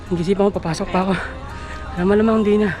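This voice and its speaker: Casual Filipino vlogger, speaking breathlessly while running outdoors, middle pitch, cheering self on in short bursts over clear background music. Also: steady tone, very fast. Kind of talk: casual running vlog, talking to viewers while running. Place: outdoors along a roadside.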